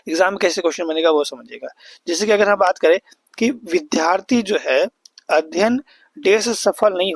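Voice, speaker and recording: A young male tutor, his voice pitched high, walks his students through an exam-prep grammar lesson one step at a time. He keeps checking that they are following as he goes. The recording is close and dry, with no room sound. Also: no room sound. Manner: explains step by step, repeats and checks with "है ना". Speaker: teacher.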